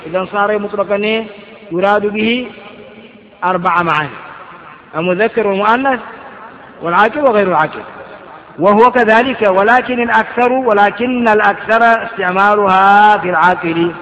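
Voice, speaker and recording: A man's voice: high voice, brisk, pauses often, a bit bright. Man teaching grammar, asks rhetorical questions. Lo-fi lecture hall recording. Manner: reads a text aloud, then explains it with rhetorical questions. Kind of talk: classroom commentary on a grammar text. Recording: muffled, echoey lecture hall.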